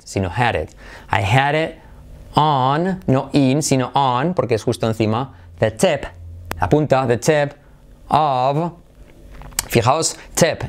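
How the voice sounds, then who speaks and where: A middle-aged man from Spain with a Spanish accent, teaching English in a lively, jokey way and switching between English and Spanish. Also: medium pitch. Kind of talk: bilingual language lesson.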